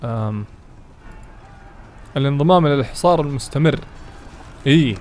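A man giving excitable let's play commentary, chatting to his viewers and reading game text aloud as he plays. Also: medium pitch, moderate pace, slight background noise. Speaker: gaming channel host.

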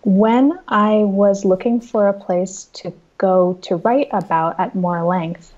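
An author in her thirties answers reader questions over a video call from a home room lined with bookshelves, using earbuds. Her medium-pitched voice is a little mellow with the highs cut off, and she's thoughtful, often restarting sentences and repeating words.

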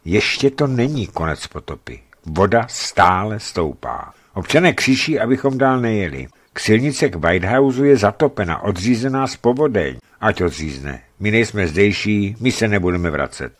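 A man reading a travel memoir aloud as scripted narration, lively, voicing the dialogue with a raised pitch. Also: few pauses. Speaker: reader. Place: studio.

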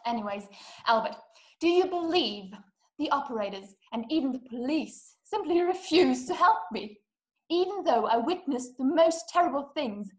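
Using her natural, noticeably high voice, a young actress acts out a fretful, imperious invalid wife, anxious, demanding and self-pitying, in a radio-play adaptation. She performs over a webcam video call in a small indoor room, and the laptop audio has roomy echo.

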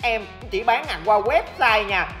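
A woman delivering a chatty, direct sales pitch for an online shop. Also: expressive, measured pace, music in the background. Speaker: shop promo speaker. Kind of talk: promotional talk.

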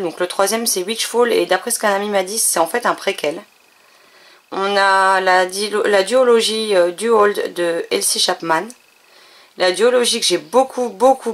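A woman vlogger chatting casually through a bookshelf tour, listing titles and often correcting herself, a little short on sleep. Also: mid-range voice. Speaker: book vlogger.

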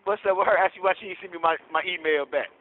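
A man's voice: sits high, steady tone, rapid-fire, soft background music. A man calling from prison, on a prison phone line, chatting casually in a laid-back, slangy way and laughing easily. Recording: tinny phone line with faint hiss.

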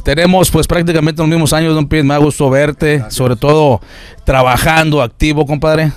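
A man's voice: a little high, steady tone, normal speed, clean tone, dry recording. A man, a radio announcer, chatting casually with many fillers. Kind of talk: casual chat.

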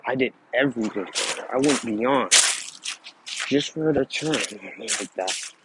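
A man voicing a hurt, bitter teenage boy ninja, talking low and resentfully. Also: normal speed, close to an everyday voice. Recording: noisy background.

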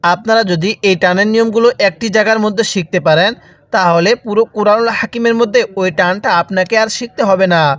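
High-voiced man teaching slow letter drills. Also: fairly bright tone. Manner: slow drawn-out recitation of letters. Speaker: Quran reading teacher. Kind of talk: spelling lesson with call-and-repeat.

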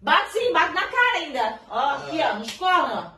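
A woman scolds in an exasperated way, her voice very high and bright. Her pitch leaps all over the place. She sounds far off in an echoey room with faint noise behind her. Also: sing-song, normal speed. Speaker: family member.

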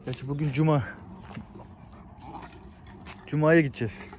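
A man talking to his farm animals outdoors in a casual vlog, coaxing and scolding them with quick exclamations. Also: on the high side, steady tone, darkish tone, slight background noise. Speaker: farmer filming his animals. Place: outdoor farmyard.

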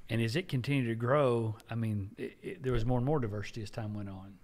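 An earnest male pastor in his forties, hosting a conversational church talk. His voice is of average pitch, and he speaks close to a desk microphone in a small studio room. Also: fast talker. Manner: earnest, animated gestures, frequent affirming yeahs. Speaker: pastor and show host. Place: small indoor studio at a wooden table. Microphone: desk mic on a stand.

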